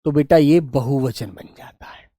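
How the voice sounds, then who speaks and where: A man's voice: medium pitch, lively intonation, measured pace, mellow, no room sound, studio quality. Man teaching with affectionate, repetitive questions. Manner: affectionate, repetitive, keeps asking students questions. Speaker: Hindi teacher. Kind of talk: online Hindi grammar lesson.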